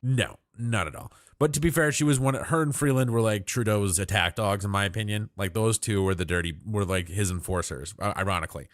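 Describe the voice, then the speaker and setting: A man's voice: lowish voice, brisk, hardly any pauses, no room sound, studio quality. A man hosting a livestream, chatting casually about politics in a rambling way, full of fillers and restarts. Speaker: livestream host.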